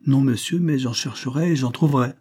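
Un homme qui prête sa voix, dans un livre audio, à un agent de police franc et enthousiaste, au ton ardent et sincère. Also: male voice, medium pitch, a little fast, darkish tone, husky, pitched above the performer's own voice, natural voice. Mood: earnest, eager. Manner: frank, enthusiastic, earnest. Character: eager, outspoken male police agent. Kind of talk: audiobook character reading.

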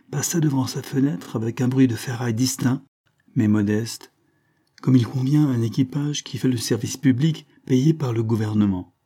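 A man narrating a classic novel in a calm, measured audiobook reading. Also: lowish voice, slightly rough. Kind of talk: scripted literary narration.

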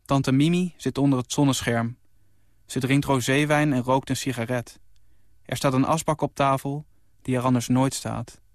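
Young man calmly reading his story. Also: medium pitch, normal speed, no room sound, studio quality. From Netherlands. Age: 20s. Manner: calm, even storytelling, lifting his voice for the quoted lines. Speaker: short story writer.

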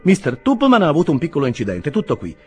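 A man playing a gruff old country squire from a storybook, loud and raised in pitch. He speaks bluntly and brusquely. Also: wildly swooping pitch, quick pace, faint music behind. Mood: reassuring.

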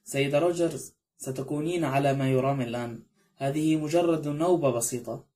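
Calm brisk doctor, a man reading it, mellow dark voice. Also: a little high, close to an everyday voice. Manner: soothing but curt.

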